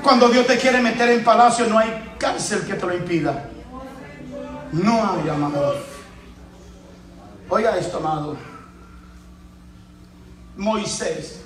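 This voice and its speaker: A man preaching a sermon as pastor, shouting and laughing in bursts between quieter storytelling. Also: high-pitched, takes it slowly, long pauses. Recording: echoey room from a distance.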